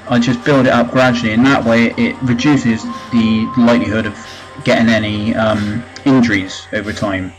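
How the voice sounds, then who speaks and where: A man talks casually through his training session, at an ordinary middle pitch. He explains as he goes, with plenty of ums and restarts, and clear guitar music plays behind him. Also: normal speed, low-quality recording. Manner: relaxed, hesitant with frequent ums. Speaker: fitness vlogger.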